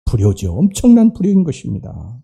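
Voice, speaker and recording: A man preaching a sermon as pastor in a church sanctuary, swinging between loud emphatic rises and soft low drops. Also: wildly swooping pitch, brisk, creaky, husky.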